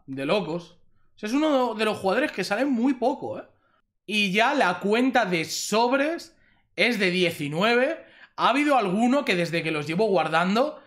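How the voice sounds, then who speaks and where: Excitable high-voiced Spanish gamer. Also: male voice. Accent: Spanish from Spain. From Spain. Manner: excitable, exclaims loudly at good pulls, repeats himself. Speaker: gaming youtuber. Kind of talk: pack opening commentary.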